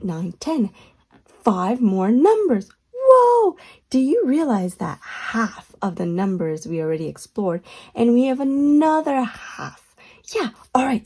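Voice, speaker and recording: Female kids show host, slow and encouraging, with a mellow, slightly husky voice full of wonder for small children. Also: mid-range voice. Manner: exclaims with gasps and wonder, encouraging, addressing young children.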